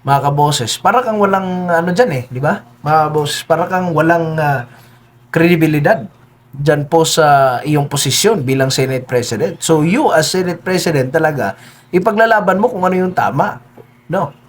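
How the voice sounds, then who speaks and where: A man's voice: fairly high pitch, moderate pace. A man giving solo political commentary, speaking politely, with frequent hesitations, and often turning to his listeners with tag questions. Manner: keeps addressing listeners, tags lines with "no?" and "di ba?".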